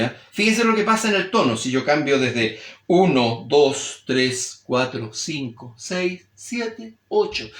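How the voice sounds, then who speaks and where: A man with a Chilean accent gives a reflective humanities lecture, his voice sitting somewhat high for a man. He talks expressively, shifting tone and pace as he demonstrates his points. The recording carries a roomy echo. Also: fairly bright tone. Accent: Chilean Spanish.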